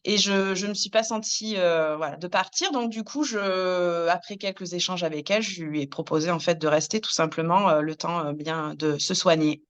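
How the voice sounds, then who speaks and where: A woman in her thirties, a hairdresser, recounting her career in a hesitant interview, with many pauses and restarts. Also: on the low side. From France. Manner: many fillers and restarts, soft laughs. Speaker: hairdresser and business founder, interviewee. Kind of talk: hesitant personal storytelling.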